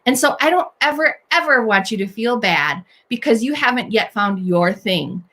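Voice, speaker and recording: A woman's voice: fairly high pitch, expressive, normal speed, pushed and bright. A woman hosting a faith-based encouragement talk for women, speaking earnestly and straight to the listener as she reassures them. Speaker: host.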